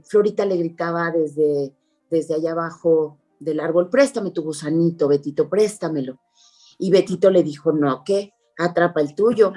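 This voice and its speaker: A woman, a guest on an interview show, telling a family story in an expressive, measured way. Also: on the low side. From Mexico. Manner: expressive, measured, acts out the dialogue. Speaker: actress and oral storyteller, guest.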